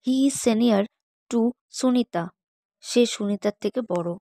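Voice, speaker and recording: A woman teaching English grammar, slowly reciting rules and word lists. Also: on the high side, warm tone, no room sound, low-quality recording. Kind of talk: slow recited grammar lesson, English and Bengali.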